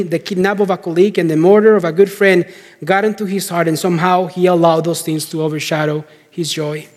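A man with a fairly high voice speaks from what sounds like a big hall, with long reverb trailing his words. He delivers a sermon as a story, in measured phrases broken by deliberate pauses. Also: darkish tone. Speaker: preacher.

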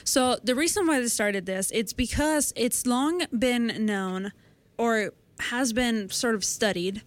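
A woman's voice: a little high, slow pace. A woman in her twenties, a podcast co-host, walking her co-hosts through a science study step by step in casual conversation. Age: 20s.

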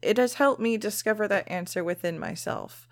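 Woman, podcast host, stoned and unhurried, gravelly fry, casual monologue, frank, close dry sound. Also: mid-range voice, lively intonation, no room sound. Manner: stoned, unhurried, drifting delivery.

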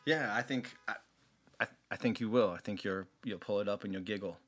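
A man's voice: lowish voice, a little fast. A man with a Minnesotan accent co-hosting a podcast, laid-back and understated, often stammering as he starts his thoughts. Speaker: podcast co-host. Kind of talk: casual podcast chat.

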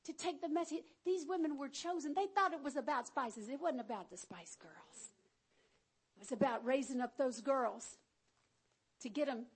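A woman delivers an energetic sermon in a high, bright-toned voice. She speaks in a folksy way, calling out to her listeners and acting out the figures in her stories. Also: breathy edge. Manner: energetic, calls out to the congregation; folksy, acts out the Bible figures. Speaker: preacher.

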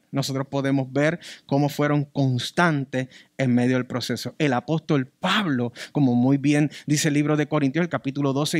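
A man with a Puerto Rican accent preaching a sermon as pastor, emphatic and repeating key words, swinging between loud and soft. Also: a little high, no echo, studio quality.

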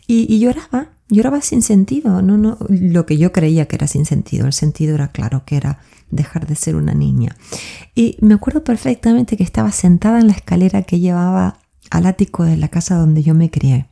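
A woman's voice: lowish voice, animated, fairly quick, gravelly, mellow. A middle-aged woman hosting a podcast, reflectively telling personal stories straight to the listener. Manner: reflective, addresses listener directly. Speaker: podcast host.

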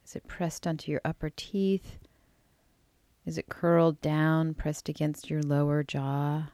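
Female meditation guide, low voice, very unhurried, soft and soothing with near-whispered endings, close dry sound. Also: little pitch movement, dry recording. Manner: unhurried, with drawn-out phrases and pauses. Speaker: yoga and relaxation teacher.

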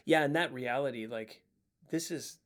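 A man's voice: medium pitch, normal speed, a bit bright. A man co-hosting a Bible podcast, talking through a passage in an earnest, reflective way and often quoting scripture. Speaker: podcast co-host. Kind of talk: casual Bible study chat.

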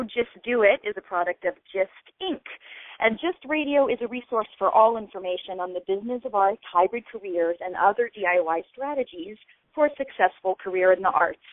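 A woman hosting a conversational radio interview, effusive and a little halting. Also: medium pitch, dry recording. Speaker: radio show host. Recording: dry, muffled narrow radio sound.

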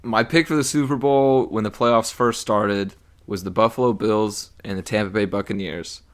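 A man's voice: on the low side, steady tone, normal speed. A young man in casual, profane sports chat on a podcast, laughing often and mimicking people. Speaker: podcast co-host.

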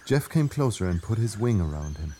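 A man's voice: on the low side, very animated, brisk, background noise. A man narrating a scripted children's adventure story.

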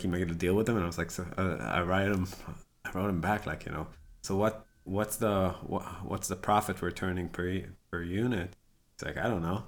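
A middle-aged man from Israel, a musician being interviewed, talking casually with halting restarts. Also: sits low, a bit bright. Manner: halting, many restarts and fillers. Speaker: musician guest.

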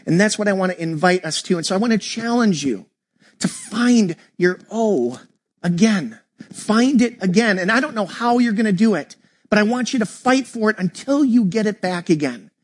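A man with a notably high speaking voice preaches a sermon. He talks earnestly and personally, putting questions straight to his congregation. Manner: earnest, heartfelt, directly addressing the congregation. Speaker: pastor.

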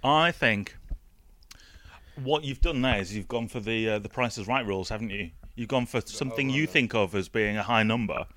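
A man's voice: lowish voice, normal speed, pushed and bright. A man co-hosting a podcast, throwing in dry, teasing remarks. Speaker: podcast co-host. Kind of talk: casual chat.

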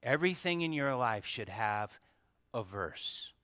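A man's voice: medium pitch, expressive, unhurried, sharp tone, dry recording. Guy preaching into a pulpit mic, dry close sound, punchy, keeps asking the church questions. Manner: emphatic, repeats key words and asks the congregation rhetorical questions. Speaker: pastor. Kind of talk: sermon.

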